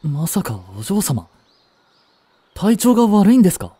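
In a Japanese voice drama, a man plays a devoted, jealous young butler whose formal, polite, clipped and haughty speech turns contemptuous toward a rival, his mood concerned and formal. It's a full character voice: high with big pitch swings, a little slow, dark and slightly rough, with no room sound.

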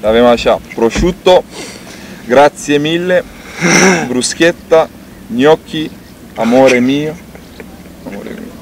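A footballer in a casual group interview, reading a word list slowly and playfully. His voice is at a middle pitch for a man. A faint outdoor hum sits under his voice.

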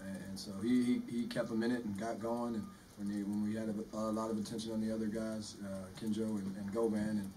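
A man in his forties, a head basketball coach, answering postgame press questions in a measured way and often repeating words while he thinks. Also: on the low side, little pitch movement, warm tone. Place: press room in front of a sponsor backdrop. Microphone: table microphone, recorded from the room. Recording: distant room mic with faint noise.

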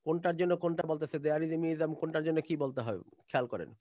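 A man's voice: a little high, fast, darkish tone, no echo, studio quality. A man teaching an online English class, explaining grammar and mixing languages. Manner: explaining, switching between languages.

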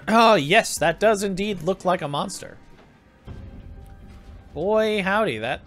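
A man's voice: high-pitched, takes it slowly, a bit bright, faint music behind. A man streaming a story game, reading the dialogue and narration aloud himself. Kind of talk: let's-play, reading game text aloud.

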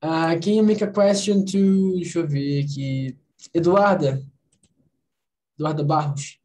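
A woman with a Brazilian Portuguese accent leads an online English conversation class over a video call. Her voice sits a little low, and she moves between Portuguese and English, prompting students and correcting their pronunciation. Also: takes it slowly, mellow. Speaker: English teacher.

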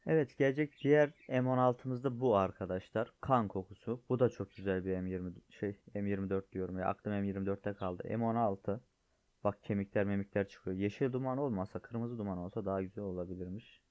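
A man's voice: lowish voice, no room sound. A man who is sick and strained, chatting casually to viewers while showing off game items. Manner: chatty, addresses viewers as friends. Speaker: gaming YouTuber. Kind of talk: casual gameplay commentary. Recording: dull, lo-fi dry sound.

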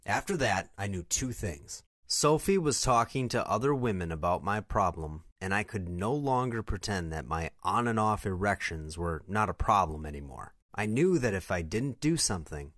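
A man's voice: deep voice, a bit bright, dry recording, studio quality. A man reading a scripted first-person story in a confessional tone.

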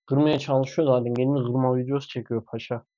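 A man's voice: mid-range voice, steady tone, a little fast, dark tone. A man vlogging casually with his parrot and dog, talking to viewers and coaxing and scolding the animals playfully. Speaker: pet vlogger. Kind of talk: casual vlog talk to pets and viewers. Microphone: clip-on mic. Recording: slightly dull lo-fi sound.

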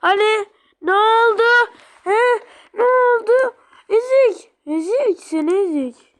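A woman voicing a bratty, mocking ragdoll in a shrill, squealing voice. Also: slow pace, exaggerated voice.

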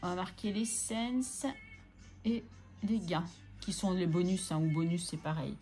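A woman vlogging casually as she sorts her budget, chatting to herself and counting out loud. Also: lowish voice, unhurried, soft background music. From France. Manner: talks to herself, scolds herself by name, counts aloud. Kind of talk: casual chatty talk to camera while counting money.

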